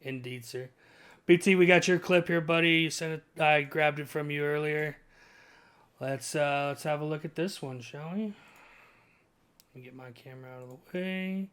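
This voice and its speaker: A man's voice: on the high side, steady tone, normal speed, fairly bright tone, clear, resonant tone. A man casually chatting as the host of a talk show. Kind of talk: casual hosting chat.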